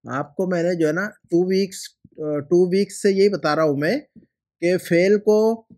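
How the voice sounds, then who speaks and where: A man teaches Arabic grammar, going through homework mistakes one by one. He repeats rules patiently and says example phrases slowly. His voice sits a little higher than usual. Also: darkish tone. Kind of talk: correcting homework in a language lesson.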